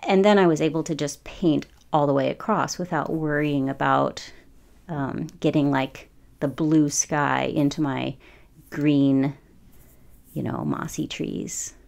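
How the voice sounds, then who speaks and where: A woman's voice: low voice, fairly even intonation, unhurried, gravelly, darkish tone. A woman in her forties chatting casually over her painting process, rambling with frequent ums. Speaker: watercolor artist.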